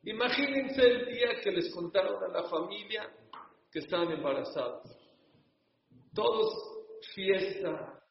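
A man's voice: fairly high pitch, slight background noise. A man telling a religious story dramatically to a congregation, speaking to the listeners directly. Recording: echoey hall, dull sound.

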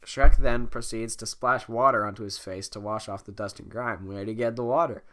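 A sick reader with a coughing cold working through a script in a casual, offhand way. Frequent amused asides and trailing-off remarks, with a bright tone. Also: medium pitch, fairly even intonation, normal speed.

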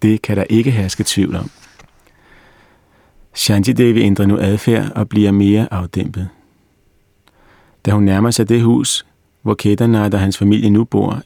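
Man reading a story out loud, steady and measured, gravelly deep voice, dry close sound. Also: no echo. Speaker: reader. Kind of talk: storybook narration.

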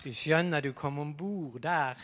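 A man telling a Bible story to children as a lively sermon, speaking as a disciple in first person and leading the audience in sound effects. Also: a little high, in a large hall.

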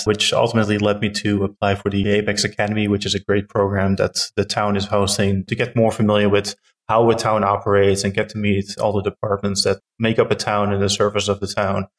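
Middle-aged guy on a town podcast, lowish voice, earnest, lots of you knows and restarts. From Netherlands. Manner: earnest, with frequent fillers and restarts. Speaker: town council member. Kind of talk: casual interview answers.

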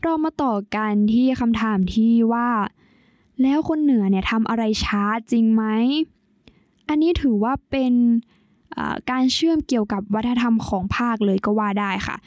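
A woman's voice: fairly high pitch, normal speed, a little mellow, dry recording, clean studio sound. A young woman from Thailand, hosting a solo podcast in a chatty, explanatory, polite way. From Nan, northern Thailand. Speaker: podcast host.

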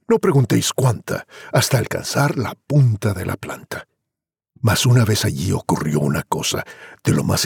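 A man's voice: on the low side, creaky, slightly rough, dry recording. A man narrating a rhyming children's story playfully and expressively, recorded close.

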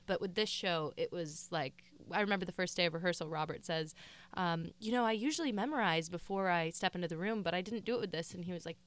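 A bubbly young actress from Denver, talking as a guest in a radio studio. Her voice is smooth and clear, set a little low for a woman, and she laughs often. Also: fast, dry recording. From Denver, USA. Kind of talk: casual interview chat.

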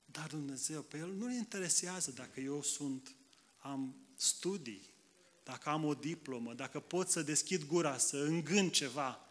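A man preaching a sermon, from Moldova, talking conversationally and often checking in with the congregation, alternating loud emphatic bursts with quiet asides. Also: a little high. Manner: conversational preaching, frequent tag questions to the congregation.

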